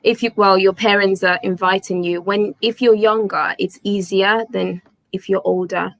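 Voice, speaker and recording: A woman's voice: medium pitch, fairly even intonation, moderate pace, fairly bright tone, low-quality recording. A woman hosting a casual interview on her channel, speaking in an earnest, emphatic way. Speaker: host.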